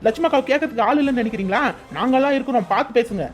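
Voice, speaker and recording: A woman voicing a sharp-tongued neighbor who gives blunt warnings in a cartoon. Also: on the high side, rapid-fire, natural voice. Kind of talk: cartoon dialogue.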